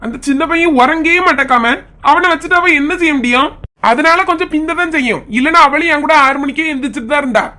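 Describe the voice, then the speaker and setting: A woman's voice: sits high, fast talker, pushed and bright. Woman playing a weary, exasperated husband and son. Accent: Kanyakumari Tamil. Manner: exasperated and placating. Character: weary married son caught between wife and mother. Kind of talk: comedy skit acting.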